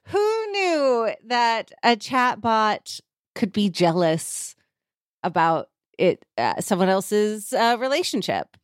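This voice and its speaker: Podcast co-host, woman, mid-pitch, theatrical read-aloud, dry close sound. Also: big pitch swings, slow pace, no room sound. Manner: dramatic reading aloud. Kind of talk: casual podcast chat.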